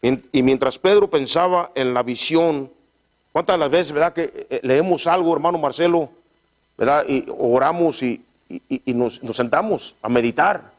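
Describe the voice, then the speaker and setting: A man preaching a sermon who keeps asking his congregation for agreement and stumbles and repeats words as he reads scripture aloud. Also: fairly high pitch. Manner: call-and-response, frequent "¿verdad?"; halting, repeats words while reading scripture. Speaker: pastor.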